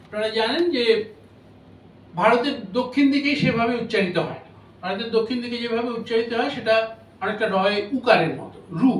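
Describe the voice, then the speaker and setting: A man giving a memorial lecture on phonetics, speaking in a measured, explanatory way with pauses between phrases. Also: high-pitched. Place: lecture hall. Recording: roomy hall audio from a distance.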